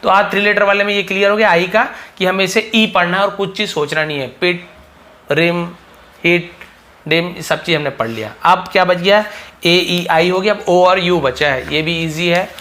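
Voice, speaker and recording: A man's voice: high voice, sharp tone. A young man teaching English reading as a lesson, stretching and repeating vowel sounds to demonstrate pronunciation. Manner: drawn-out phonics demonstrations, addresses viewers as sir-style students. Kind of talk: spoken lesson at a board.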